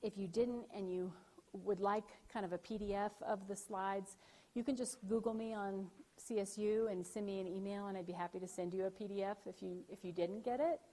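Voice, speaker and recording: A woman giving a lively university talk, chatty and often checking in with her listeners. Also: medium pitch, moderate pace. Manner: chatty, frequent "right?" check-ins, animated retellings. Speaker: university lecturer. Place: event room.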